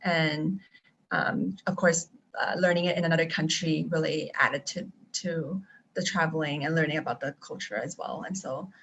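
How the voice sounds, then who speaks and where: Her voice sits low and fairly bright, with fairly even intonation at a normal speed, and a little hiss or hum is audible. She's a young woman and traveling teacher, a guest chatting casually on a live video call from her Taiwan home, often saying um and restarting, over dull lo-fi audio.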